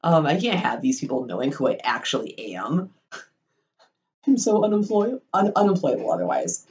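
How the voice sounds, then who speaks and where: A woman's voice: low-pitched, very animated, moderate pace, darkish tone, lo-fi sound, slight background noise. A young woman in a casual storytelling vlog, rambling with lots of ums and likes, swearing freely and wryly. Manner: rambling, full of ums and likes, profane and wry.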